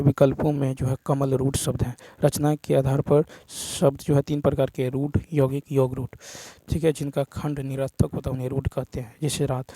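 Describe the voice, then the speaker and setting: A male tutor walks through an exam paper question by question, naming the right option and explaining the rule behind it. His voice is mellow and even, with little rise and fall, and the recording is dry and close. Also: medium pitch, no room sound. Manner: steady explanatory delivery, repeats answers with "ठीक है" and "next". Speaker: teacher. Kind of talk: exam answer-key walkthrough lesson.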